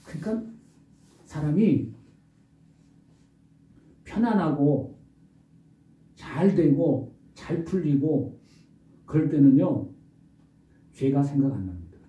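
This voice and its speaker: A male pastor preaching a sermon, telling the story with lively rhetorical questions. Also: a little high, slow, long pauses. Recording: roomy distant dull recording.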